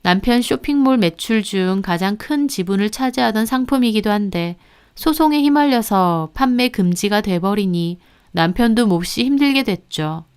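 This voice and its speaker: A woman's voice: mid-range voice, lively intonation, normal speed, clean tone. A woman telling a personal story in first person, in a confiding way. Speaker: story narrator. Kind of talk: storytelling narration.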